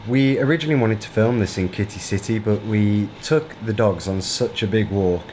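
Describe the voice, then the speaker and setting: Brief: young male travel vlogger, lowish voice, relaxed chatty delivery, noisy background. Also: moderate pace. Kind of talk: casual vlog chat.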